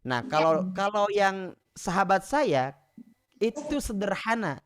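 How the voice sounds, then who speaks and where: Man giving an animated religious lesson. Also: high voice, slow. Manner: animated storytelling, often addresses the audience directly. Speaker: Quran recitation teacher. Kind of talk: casual Islamic study lecture.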